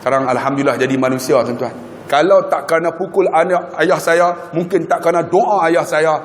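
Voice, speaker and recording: A man, preaching a storytelling sermon and acting out voices, swinging from loud to hushed. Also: fairly high pitch, fairly even intonation, fairly quick. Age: 40s. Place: mosque hall. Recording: echoey mosque hall.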